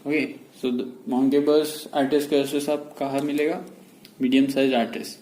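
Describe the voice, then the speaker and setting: A man giving a medical lecture in a mix of Hindi and English. He explains slowly and repeats key terms. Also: medium pitch, level tone, dark tone. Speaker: medical teacher. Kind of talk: whiteboard lecture. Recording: echoey room with faint noise.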